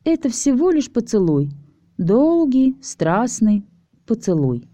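A playful, seductive vampire woman, voiced by a female reader purrs her teasing lines in a mellow tone. Everything sits close and dry, with no room sound. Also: a little high, big pitch swings, slow, dry recording, voice pushed up. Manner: teasing, sultry.

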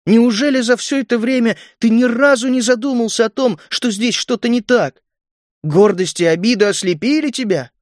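A man voicing a proud, fierce gnome queen who speaks in sharp, reproachful outbursts. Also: sits high, animated, moderate pace, no echo, studio quality. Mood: angry reproachful. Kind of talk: audiobook character reading.

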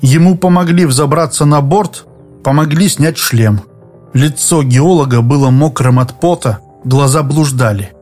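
A male narrator reads a story in a measured, even manner. His voice sits a little high, and faint music plays behind the reading. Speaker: audiobook reader. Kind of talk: scripted narration.

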